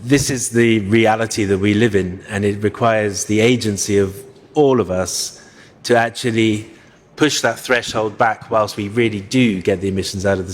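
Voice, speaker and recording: A man on a panel talks in a low, reflective and measured voice, with frequent small hedges. His words ring out with a long reverb, as in a large hall. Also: slight background noise. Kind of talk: panel discussion remarks.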